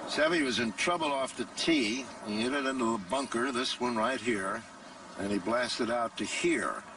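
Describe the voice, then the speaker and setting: A man's voice: medium pitch, lively intonation, moderate pace, vocal fry, recorded from a distance, noisy background. A man giving scripted golf commentary as the host of a televised match.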